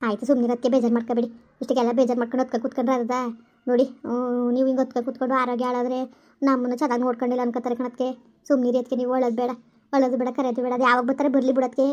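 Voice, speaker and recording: A woman's voice: fairly high pitch, monotone, rapid-fire, a little mellow, voice pushed down, close to an everyday voice. A woman voicing a young woman who keeps comforting her sister-in-law, with soothing, repeated reassurances. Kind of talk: animated story voice-over. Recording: lo-fi, dull voice-over.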